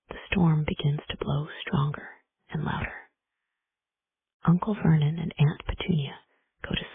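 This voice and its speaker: An audiobook narrator whispering a story in steady, simple storybook reading. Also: medium pitch, creaky, husky, dry recording. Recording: dry, tinny phone-like sound.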